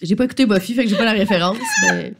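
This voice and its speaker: A woman's voice: mid-range voice, racing, over a noisy crowd. A woman narrating as game master, chatty, with frequent filler sounds.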